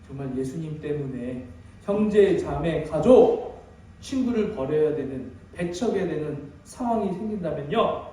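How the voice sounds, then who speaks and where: Dramatic pastor in an echoey hall. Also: male voice, sits high, a little mellow. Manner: dramatic, emphatic, many rhetorical questions. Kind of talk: emotional sermon. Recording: very echoey hall, distant mic.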